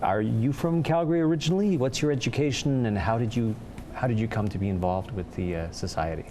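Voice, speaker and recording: A man's voice: mid-range voice, quick pace, a little mellow, a little hiss or hum. A man co-hosting a TV studio interview in a friendly manner, often repeating words as he hesitates. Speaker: co-host. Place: TV studio set. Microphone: lapel.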